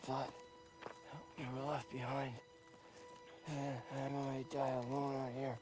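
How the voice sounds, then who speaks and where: An actor playing a worn-out soldier who was held prisoner, speaking in a tired, heavy way in a game cutscene. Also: male voice, medium pitch, completely flat delivery, slow pace, over music, lightly acted. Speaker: soldier, former prisoner of war. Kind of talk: video game cutscene acting.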